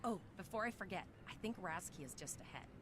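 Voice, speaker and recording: A woman's voice: fairly low pitch, lively intonation, fairly quick, lightly acted. A woman playing a friendly, teasing young cadet in a video game, chatty and playful. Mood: upbeat, teasing. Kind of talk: scripted game dialogue. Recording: noisy game audio capture.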